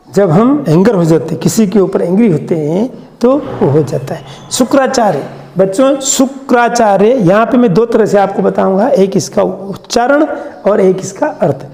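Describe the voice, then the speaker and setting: A man teaching pupils a lesson, asking questions and sounding out words slowly syllable by syllable. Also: high voice, warm tone, echoey room, long reverb tail. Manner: slow, syllable-by-syllable pronunciation drills; asks questions and repeats the answer. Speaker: school teacher.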